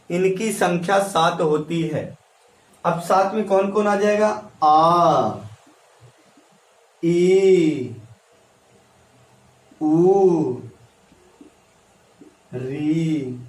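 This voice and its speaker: A man with a high voice teaches a class at an unhurried pace, repeating each key phrase and firing quick questions at his students. He is heard from some way off the mic, in a room that rings with echo. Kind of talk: classroom lecture. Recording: echoey room, voice from a distance.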